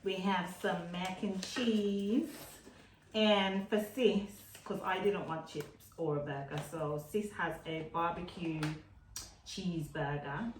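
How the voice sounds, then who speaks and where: A woman's voice: lowish voice, steady tone, slow pace. A woman guest in a casual chat, easygoing and giggly, recorded outdoors. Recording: roomy sound from a distant mic, faint noise.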